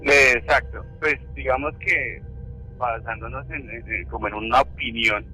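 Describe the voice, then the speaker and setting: A male caller with a sharp, very bright voice who shares his view while hunting for words. Soft music plays faintly behind him. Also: mid-range voice, steady tone, moderate pace, rough recording. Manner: hesitant, searching for words. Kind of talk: call-in opinion on a radio show.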